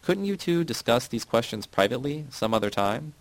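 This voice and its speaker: A man's voice: medium pitch, big pitch swings, brisk, dry recording, rough recording. A man playing an embarrassed meek man. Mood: strained. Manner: strained, embarrassed.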